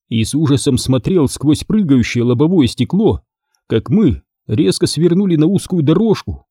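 Expressive male storyteller, husky. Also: on the high side, no echo, studio quality. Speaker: narrator. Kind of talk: audiobook narration.

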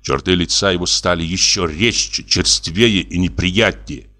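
A male audiobook narrator reading literary prose. His reading is measured and deliberate. His voice sits fairly low. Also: bright, forceful tone.

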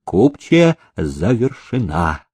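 A man's voice: fairly low pitch, sing-song, slow pace, a little mellow, husky, pitched below the performer's own voice, exaggerated voice. A man voicing a smug government clerk who talks in a sweet, drawling, mocking way. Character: smug, sugary old male government clerk.

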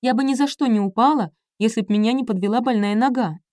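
A mischievous young woman with a lifted, chirpy voice, as a female audiobook reader puts her on. She teases and jokes, her lines bright and bouncy though the voice keeps a mellow warmth, recorded close and dry. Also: fairly high pitch, fast, no echo, pitched above the performer's own voice, close to an everyday voice. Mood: teasing. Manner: teasing, chirpy. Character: lively playful young woman, teasing and impulsive. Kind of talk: audiobook character voice.

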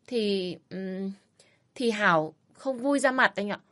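A woman voicing a fawning, two-faced young woman who flatters the elders and blames others. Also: mid-range voice, slow pace. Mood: wheedling. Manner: wheedling, flattering.

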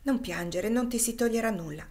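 A woman voicing a kind gentleman, gentle, wry, mild voice, audiobook. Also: fairly high pitch, brisk, pitched above the performer's own voice, natural voice. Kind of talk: audiobook reading.

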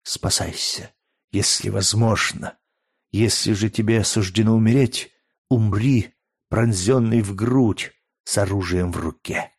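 A man's voice: lowish voice, normal speed, creaky. Valeria, a trembling young noblewoman, as a man reads her. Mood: hushed, firm. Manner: soft, trembling, breathless pleading. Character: frightened young noblewoman, pleading and tender.

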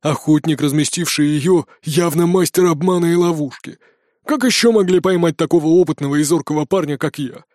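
A man's voice: a little high, a little fast, darkish tone, dry recording, studio quality, lightly acted. A man doing a weak, grumbling old dwarf. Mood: weak pleading.

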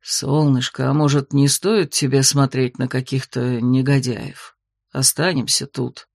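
A woman voicing a grey-haired male werewolf, gentle and devoted, who speaks softly, low and slowly. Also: steady tone, creaky, no room sound, clean studio sound, heavily acted. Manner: soft, low and slow.

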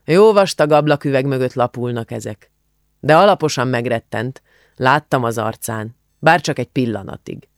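A man voicing a gruff, blunt older policeman in an audiobook, giving orders in a stern, grumbling way. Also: medium pitch, no room sound, studio quality, close to an everyday voice. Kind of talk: audiobook character voice.

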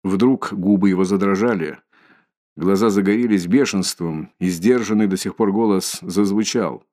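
A man narrating a classic novel as an audiobook in a measured, expressive reading. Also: low-pitched. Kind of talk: scripted literary narration.

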